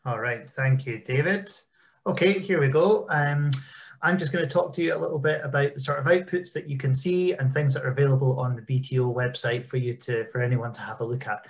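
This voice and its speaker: A man presents to a conference over a video call in a chatty, informal way. His voice sits at a middling pitch, and he often drops in ums as he goes. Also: brisk. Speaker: engagement officer. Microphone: video call webcam.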